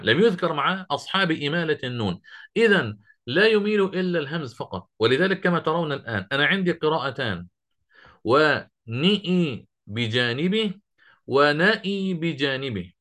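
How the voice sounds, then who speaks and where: Bright-voiced man teaching a class. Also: on the high side. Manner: questioning students, drawn-out quoting of verse. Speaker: Quran recitation teacher. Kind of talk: classroom lesson.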